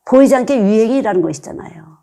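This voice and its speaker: A woman's voice: fairly high pitch, animated, quick pace, vocal fry, mellow. An older woman preaching a sermon as a missionary, earnest and conversational, asking her listeners rhetorical questions.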